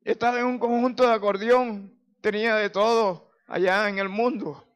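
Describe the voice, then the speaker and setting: A man's voice: high voice, steady tone, normal speed. A man in his sixties from Venezuela, a pastor giving a fervent, emotional personal testimony full of praise exclamations. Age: 60s.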